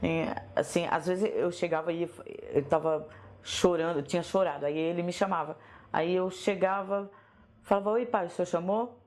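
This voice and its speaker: A woman with a Northeastern Brazilian accent, speaking in a slightly low voice. She reminisces at a soft, unhurried pace and keeps checking in with a gentle "né?". She sounds like a writer being interviewed for a documentary. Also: fairly even intonation. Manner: soft-spoken, unhurried, tags phrases with "né?". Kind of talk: reflective personal reminiscence.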